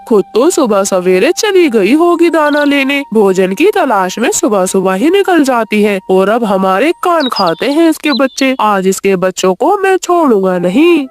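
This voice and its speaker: A woman's voice: high-pitched, darkish tone. A woman voicing a grumpy male crow. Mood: irritated. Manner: gruff, threatening. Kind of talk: children's cartoon voice acting.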